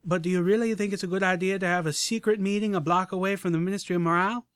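A man's voice: high voice, fairly even intonation, rapid-fire, a bit bright, clear, resonant tone, no room sound, pitched above the performer's own voice. A man doing an earnest young mare pony. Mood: cheerful.

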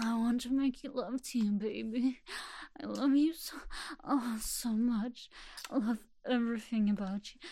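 A woman speaks in a soft, doting murmur that often falls to a whisper. Her voice sits a little high yet sounds warm and mellow. She takes her time over every phrase. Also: no room sound. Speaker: audio roleplay performer. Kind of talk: intimate whispered audio roleplay.

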